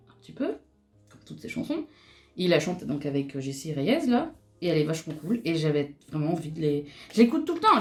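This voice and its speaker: A woman's voice: on the low side, darkish tone. Chatty young woman vlogging her makeup. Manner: chatty, laughing, many fillers and restarts. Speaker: beauty vlogger. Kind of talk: casual chat while doing makeup.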